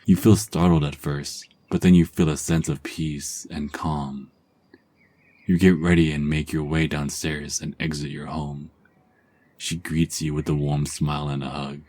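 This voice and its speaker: Speaking to "you," a male narrator with an extremely deep voice and a husky edge unfolds a story at a calm, unhurried pace meant to be soothing. In the quietest passages his voice fades into hushed whispers.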